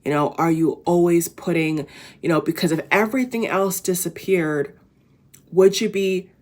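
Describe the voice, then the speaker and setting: Her voice is low and raspy, and she sounds tired as she rambles through a casual inspirational vlog for her viewers. She repeatedly circles back, restarting and filling pauses as she thinks things through.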